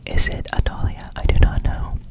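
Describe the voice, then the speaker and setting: A man speaks entirely in a whisper, in the style of an ASMR ramble. He is close to the microphone and often repeats a word or phrase, lingering on it before moving on. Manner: whispers throughout, slowly repeating words and phrases. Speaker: ASMR video creator and host. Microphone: close microphone, brushed as he talks.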